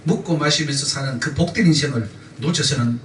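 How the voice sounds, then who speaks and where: A man's voice: mid-range voice, a little fast, a bit bright, slight background noise. A male pastor preaching a sermon with emphatic repetition, leading the congregation in call-and-response. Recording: echoey church sound from a distant mic.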